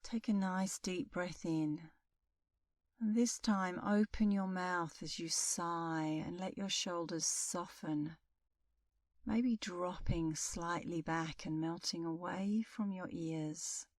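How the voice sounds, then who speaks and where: A middle-aged woman instructs a guided meditation in a lowish, calm, soothing voice, taking her time and pausing long. The mic is distant, but the recording carries no echo.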